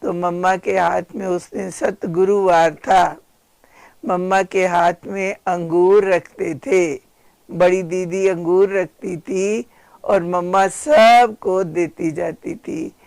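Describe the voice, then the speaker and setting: An older woman, a spiritual sister, gently and reverently telling memories of her teacher as a slow devotional reminiscence. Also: on the low side, steady tone, gravelly, no room sound.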